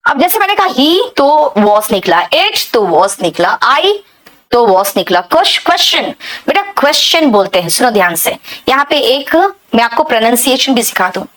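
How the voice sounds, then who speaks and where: A woman's voice: a little high, sing-song, normal speed, a bit bright, rough recording. A woman teaching spoken English in a bilingual lesson, repeating words and drilling pronunciation and addressing her students as "beta".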